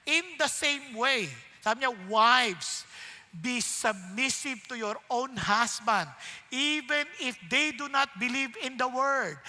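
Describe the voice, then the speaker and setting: A man's voice: extremely high pitch, pushed and bright. A man preaching a sermon. He asks the crowd rhetorical questions and switches between Tagalog and English. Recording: long hall reverb.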